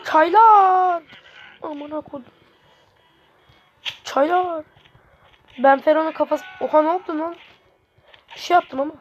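A woman commenting live on her gameplay as a gaming channel host, excitable and frustrated, swearing constantly at the game. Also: sits high, takes it slowly, long pauses, lo-fi sound, slight background noise.

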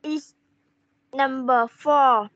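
A student with a Vietnamese accent answering an English drill in short, careful words on a video call. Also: female voice, high voice, steady tone, very slow, a bit bright, no room sound. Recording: dry, dull lo-fi call audio.

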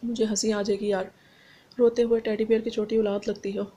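A woman's voice: mid-range voice, a little fast, slight background noise, lightly acted. Woman reading as a serious, reserved young man. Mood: soothing. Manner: calm, reserved, soft-spoken. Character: young man, cool and serious, then gently teasing. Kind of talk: audiobook dialogue reading.

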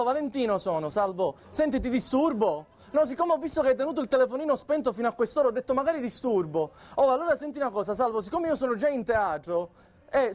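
A Sicilian man in his thirties on a theatre stage, doing a comic one-sided phone call in an anxious, placating manner. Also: very high-pitched. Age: 30s. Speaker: comedian.

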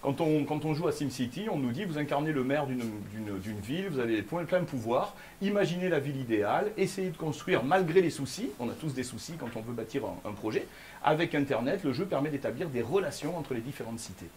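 Guy rushing through a keynote talk, keeps asking the crowd if they follow, mid voice, bit of room noise. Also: medium pitch. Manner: fast, lively, addresses the audience directly with questions. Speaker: keynote speaker. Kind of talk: live conference keynote. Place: conference room before an audience.

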